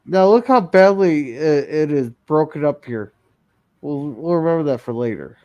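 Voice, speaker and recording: A man's voice: on the high side, animated, moderate pace, a little mellow, no room sound, muffled recording. A man co-hosting a live-streamed classic TV review show, chatting casually with frequent restarts and fillers.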